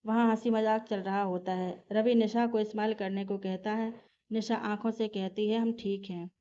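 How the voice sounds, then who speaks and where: A woman narrating a family story in a calm, steady reading voice. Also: mid-range voice. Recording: dull lo-fi recording.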